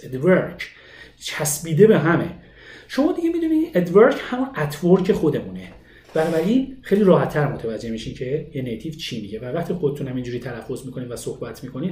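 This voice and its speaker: Animated man teaching in an echoey room. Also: a little high, slight background noise. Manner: explains with lively rising emphasis. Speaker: English teacher. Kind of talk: lesson on language learning.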